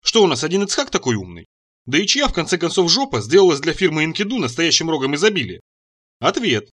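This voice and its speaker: A man narrating an audiobook in the first person, with a wry, deadpan manner. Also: a little high, quick pace.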